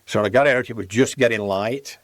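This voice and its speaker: A man's voice: mid-range voice, fairly quick, no room sound. A man, telling rambling stories as a podcast guest. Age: 80s. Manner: rambling, lively anecdotes with restarts. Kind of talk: storytelling in casual conversation.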